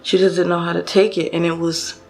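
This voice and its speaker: Young woman with vocal fry, chatty storytime. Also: fairly low pitch, little pitch movement, brisk, soft background music. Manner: casual, chatty, many fillers and restarts, addresses viewers directly. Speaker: beauty vlogger. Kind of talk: storytime while doing makeup.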